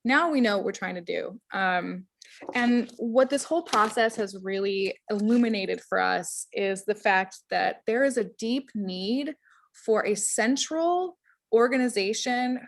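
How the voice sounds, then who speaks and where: A woman host talks to an event audience in an eager, chatty way, with plenty of fillers and quick laughs. Her voice sits in a middle pitch range. The sound is dry and close, with no room echo. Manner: warm and enthusiastic, with frequent fillers and laughs. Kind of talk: casual presentation at a public event. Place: indoor event.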